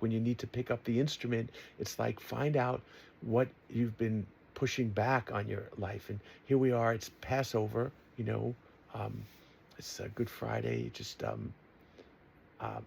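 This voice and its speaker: A man of sixty-seven with a Queens New York accent, speaking in an earnest, free-associating ramble that halts and then rushes. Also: medium pitch, creaky, darkish tone, slight background noise. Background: music.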